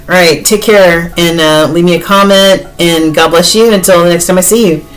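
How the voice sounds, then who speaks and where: A woman's voice: lowish voice, normal speed, rough recording. A woman, chatting directly to viewers in a casual tarot reading, with many fillers. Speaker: tarot reader.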